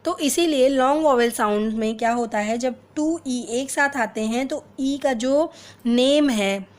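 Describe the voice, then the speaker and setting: A woman's voice: high-pitched, measured pace. A woman teaching a phonics lesson, patiently sounding out letters one at a time and checking in often.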